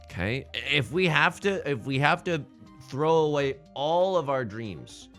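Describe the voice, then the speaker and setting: A man's voice: on the high side, lively intonation, measured pace, fairly bright tone, faint music behind. A man commentating on his own game live, thinking aloud casually with joking, mock-dramatic asides. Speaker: gaming streamer.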